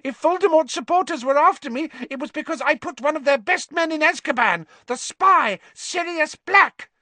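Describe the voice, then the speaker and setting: A cowering male wizard who squeals and pleads in a shrill, panicky voice, pitched very high. His voice jumps about wildly, and the reading sounds dry and close. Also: expressive, moderate pace, bright, forceful tone, no room sound, exaggerated voice. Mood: panicked.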